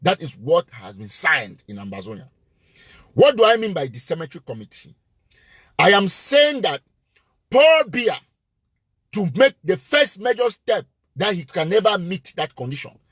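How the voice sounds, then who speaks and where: Emphatic husky man delivering a live address. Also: sits high, fairly bright tone, no room sound, clean studio sound. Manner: emphatic and repetitive, hammering points with rising force. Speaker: live-show host and political commentator. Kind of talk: impassioned live-stream address.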